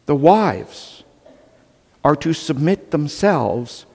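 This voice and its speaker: A man's voice: a little high, lively intonation, drawn-out words, dark tone, husky, long reverb tail. A male pastor delivering an earnest, emphatic sermon, often restarting his phrases.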